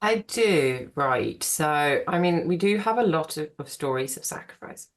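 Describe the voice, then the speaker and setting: Guest archaeologist, woman, very low pitch, relaxed rambling talker. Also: a little slow. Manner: chatty, rambling, laughs easily. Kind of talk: conversational podcast interview.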